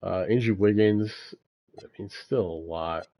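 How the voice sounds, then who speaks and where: A man's voice: on the low side, measured pace, lo-fi sound. A young man giving laid-back gameplay commentary, thinking aloud with frequent fillers as he manages a basketball franchise. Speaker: gaming YouTuber.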